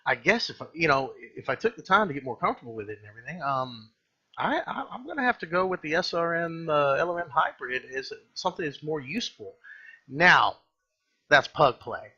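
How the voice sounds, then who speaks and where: Husky man, bright and forceful. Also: a little high, very animated, muffled recording. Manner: rambling, halting, self-correcting, blunt salty slang. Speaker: gaming video host. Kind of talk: casual off-the-cuff game commentary and review.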